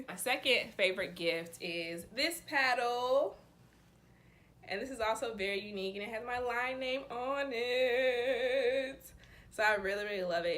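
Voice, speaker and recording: A woman's voice: mid-range voice, bright, forceful tone. A woman in her twenties chatting casually to camera in a bubbly, enthusiastic sorority-girl manner. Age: 20s. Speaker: vlogger, sorority member.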